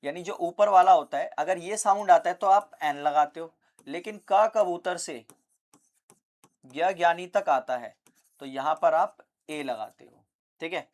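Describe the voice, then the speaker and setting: A man's voice: a little high, measured pace. A young man teaching English basics with a Hindi accent, asking questions and answering them himself. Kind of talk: classroom lesson.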